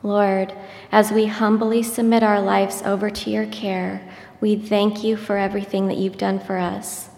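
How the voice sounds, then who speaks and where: A woman's voice: mid-range voice, creaky. Woman praying in cathedral echo. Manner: slow, steady, reverent. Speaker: prayer leader. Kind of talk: leading a congregational prayer. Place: church sanctuary. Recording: echoey church hall, long reverb.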